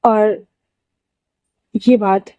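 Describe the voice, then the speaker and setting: A woman voicing a remorseful young man who pleads softly for forgiveness in a storybook reading. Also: medium pitch, steady tone, extremely slow, dry recording, highs cut off. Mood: pleading.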